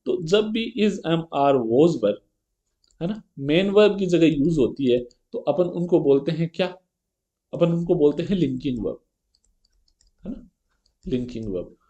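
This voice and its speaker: Male teacher, fairly high voice, mellow tone, patient step-by-step exam-prep lesson. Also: expressive, dull audio. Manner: explains step by step and keeps checking with a rhetorical "है ना"; reads English example sentences slowly and carefully. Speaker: grammar teacher.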